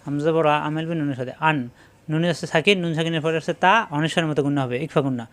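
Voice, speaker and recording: A man with a smooth, clear, fairly high voice leads a recitation lesson. He breaks each word into syllables, names them one by one, then chants the whole phrase in a long, drawn-out tune. He speaks with a Bangladeshi Bengali accent. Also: steady tone. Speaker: Quran reading teacher. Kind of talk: slow letter-by-letter recitation lesson.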